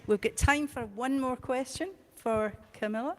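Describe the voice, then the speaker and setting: A woman's voice: high-pitched, moderate pace, noisy background. A woman moderating a symposium panel, graciously thanking and introducing speakers. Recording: echoey hall.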